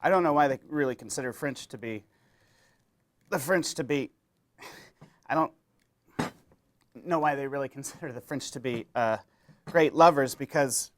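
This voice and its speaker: A young adult man hosting a mock-educational comedy monologue, rambling and deadpan with many fillers. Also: mid-range voice, moderate pace, pauses often. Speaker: comedy show host.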